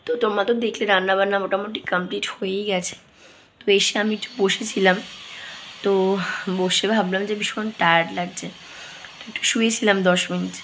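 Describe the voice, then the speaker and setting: Hoarse woman chatting through a home vlog. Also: medium pitch, steady tone, a little fast, fairly bright tone, slight background noise, rough recording. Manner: chatty, explains as she cooks. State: hoarse, straining to speak. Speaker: vlogger. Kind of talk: casual daily vlog narration. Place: home kitchen.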